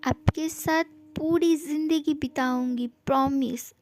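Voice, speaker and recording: A woman's voice: high voice, fairly even intonation, slow, darkish tone. A woman playing a playful, teasing young wife in a fan audio drama, who taunts and sweetly coaxes. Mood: sweet promises.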